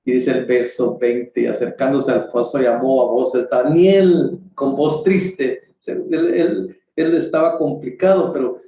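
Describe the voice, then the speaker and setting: A man preaching a sermon in church, earnest, rising in pitch for emphasis and often restarting his sentences. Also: fairly even intonation, normal speed, hardly any pauses, warm tone. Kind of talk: sermon over an online stream. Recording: echoey room with faint background hiss.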